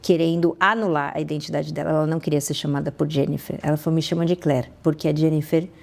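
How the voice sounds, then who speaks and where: She talks fast in a deep, creaky, slightly mellow voice with fairly even intonation, carrying a Brazilian Portuguese accent. In this conversational podcast interview, the social fashion project founder shares stories earnestly, with frequent restarts and sudden surges of emphasis.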